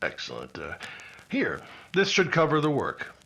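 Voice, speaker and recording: An actor playing a steady, commanding Mountie sergeant, the hero of an old-time radio adventure drama. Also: male voice, medium pitch, a little slow, gravelly, husky, full character voice. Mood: genial.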